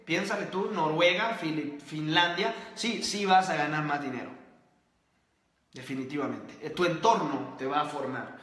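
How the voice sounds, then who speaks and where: A young man hosts a live stream, giving an emphatic, preachy motivational talk in which he repeats points and asks rhetorical questions. His voice is a little high, pushed and bright, with a roomy echo.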